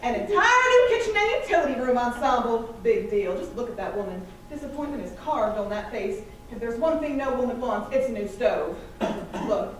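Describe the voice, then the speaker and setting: A woman's voice: fairly high pitch, lively intonation, normal speed, close to an everyday voice. A woman acting a brash, sardonic small-town housewife in a stage play, with an emphatic, wisecracking delivery. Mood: gleeful, mocking. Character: brash sardonic small-town housewife, game-show addict, harried mother. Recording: echoey room, far microphone, faint noise.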